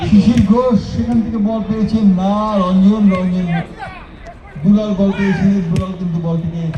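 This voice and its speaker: A man giving excitable, urgent live play-by-play football commentary outdoors. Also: high-pitched, normal speed. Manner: excitable, urgent, calling out chances and goals. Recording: distant echoey outdoor PA, dull, crowd and music. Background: crowd and music.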